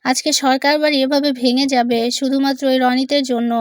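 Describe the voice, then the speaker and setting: An earnest young man pleads with his aunt to save the family home, read by a woman narrator in her own high voice. She sounds a little further from the mic, in a dry room. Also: flat delivery, fairly quick, no echo, close to an everyday voice. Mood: pleading.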